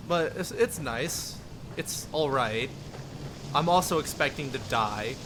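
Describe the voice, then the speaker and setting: Over a noisy background, a man with an expressive, medium-pitched voice takes his time on a casual live stream. He rambles, chuckles often while responding to viewers' chat, and reads a bit of story narration aloud.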